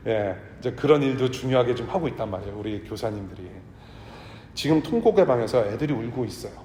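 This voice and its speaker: Korean pastor preaching in an echoey church. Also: male voice, medium pitch, lively intonation, fast, a little hiss or hum. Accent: Korean with English words mixed in. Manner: conversational preaching, drops to a hush for tender lines. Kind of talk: sermon. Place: church sanctuary.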